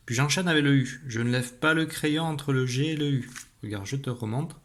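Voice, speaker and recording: During an online lesson, a man who teaches primary school walks a young pupil through a spelling rule. His medium-pitched voice stays patient and clear, and he slows his pace to demonstrate.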